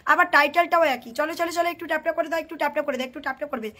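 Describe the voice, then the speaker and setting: A woman hosts a casual live stream. She reads out comments and keeps urging viewers, over and over, to tap, share and mention friends. Her voice is high and she talks fast. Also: fairly even intonation.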